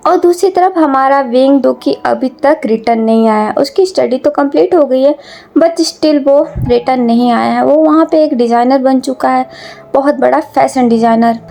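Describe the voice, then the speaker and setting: High-voiced, gravelly woman storyteller. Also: normal speed, mellow. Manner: casual, mixing English words, addresses audience. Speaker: story narrator. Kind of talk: storytelling narration of a fan fiction.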